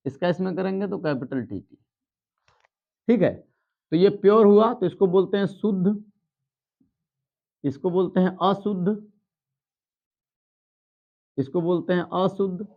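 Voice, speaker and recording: At a blackboard, a man teaches a biology lesson step by step, checking in with his students. His voice sits high and sounds gravelly, with the high frequencies cut off.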